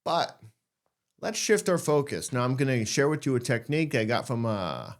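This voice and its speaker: Here a male podcast host talks about anxiety in a casual, candid self-help monologue, joking and performing his own worries aloud. His voice is mid-range with big pitch swings, at normal speed.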